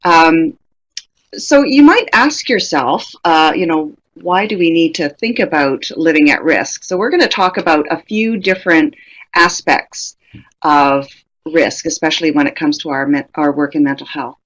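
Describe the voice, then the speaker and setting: A middle-aged Canadian woman presents a professional webinar in a conversational, reflective style, putting questions to her audience. Her voice is low-pitched and a bit bright, at a moderate pace.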